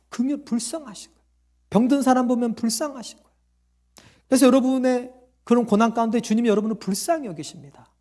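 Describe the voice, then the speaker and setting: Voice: medium pitch, warm tone. A pastor delivering a sermon emphatically, asking the congregation rhetorical questions and calling out hallelujah. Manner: frequent calls of hallelujah and direct address to listeners.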